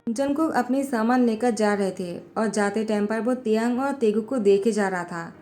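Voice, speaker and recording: Mellow-voiced woman narrating a story. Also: on the high side, normal speed. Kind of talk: fan fiction story voiceover. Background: faint background music.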